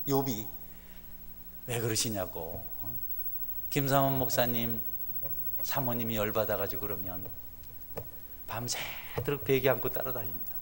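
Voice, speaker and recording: A middle-aged man preaching a sermon as a pastor, swinging from hushed, confiding asides to loud, fervent exhortation. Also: medium pitch, a little hiss or hum. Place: church sanctuary. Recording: church sanctuary with long reverb.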